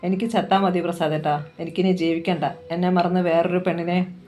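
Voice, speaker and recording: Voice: medium pitch, level tone, fairly quick, darkish tone, faint music behind, lightly acted. Heartbroken young woman, as a storyteller reads her. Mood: despairing. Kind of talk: audiobook novel reading.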